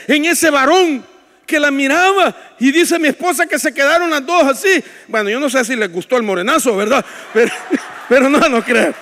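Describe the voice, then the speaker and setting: High-voiced preacher in an echoing hall. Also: male voice. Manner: storytelling preacher, swings from shouts to hushed asides; jokes with the congregation. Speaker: pastor. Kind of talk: sermon at a women's retreat. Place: church hall. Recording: long echo of a large hall.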